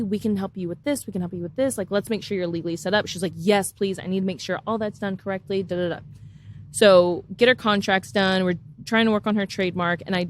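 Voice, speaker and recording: A woman guest on a business podcast, telling a story in a lively way and acting out the lines of the people in it. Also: medium pitch, slight background noise. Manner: animated storyteller, acts out quoted dialogue.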